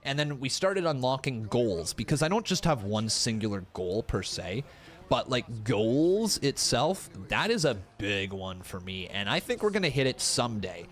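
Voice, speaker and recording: Man in his thirties, from Canada, wrestling streamer, casual live-stream chat, lively swinging pitch, mid-range voice. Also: normal speed. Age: 30s. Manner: animated, talks straight to chat, swears, jokes at himself. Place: room in his rented home.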